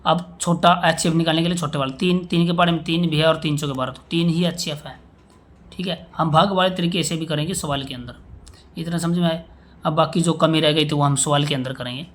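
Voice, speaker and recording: Male maths teacher, patient step-by-step explainer, a touch higher pitched. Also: fairly even intonation, brisk, a bit bright. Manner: explains step by step, often asks "samajh mein aaya?"; checks in with "theek hai" and recites times tables aloud. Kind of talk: classroom maths lesson.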